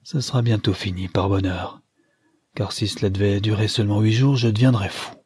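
A man's voice: fairly low pitch, steady tone, a little fast, a little mellow, husky, no room sound, studio quality. A man voicing an earnest young hero. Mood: weary. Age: young adult. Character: hurried, lovestruck young man.

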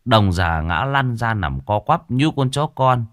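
A man narrating a Vietnamese ghost story with a lively, dramatic delivery. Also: mid-range voice, unhurried, dry recording, studio quality.

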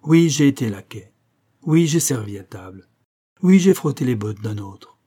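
A man reading the part of an anguished English gentleman who was once a servant, speaking in sobbing, agitated outbursts. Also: mid-range voice, normal speed, lightly acted. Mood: bitter. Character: anguished English gentleman, secretly a former lackey.

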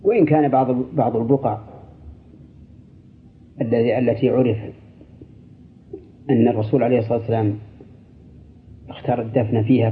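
An older man, an Islamic scholar, answering listener questions on a radio program in a measured, deliberate way. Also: medium pitch, a little hiss or hum. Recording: tinny, lo-fi radio broadcast.

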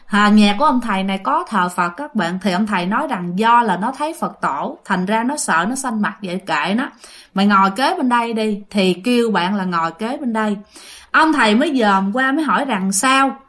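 A woman's voice: mid-range voice, expressive, brisk, fairly bright tone. A woman with a Southern Vietnamese accent telling a ghost story in a chatty, casual way, addressing her listeners. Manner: chatty, addresses listeners directly, many fillers.

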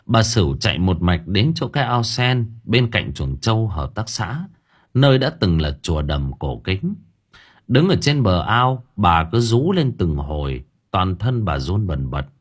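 A man narrating an audiobook story with dramatic, expressive delivery. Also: sits low, a little slow, husky.

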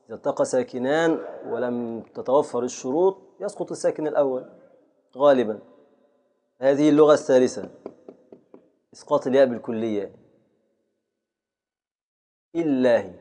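A man with an Egyptian accent, a sheikh giving a classroom lecture on grammar and patiently repeating each example slowly. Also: medium pitch, dark tone. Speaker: sheikh teaching a grammar text.

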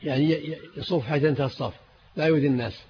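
A man's voice: on the high side, very fast. An older man, commenting as a sheikh at a hadith reading session, answering briefly and repeating words as he searches for them. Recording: dull lo-fi old tape with faint hiss.

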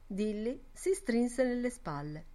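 A woman narrating a literary audiobook with an expressive, measured reading. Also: on the high side. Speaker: audiobook reader.

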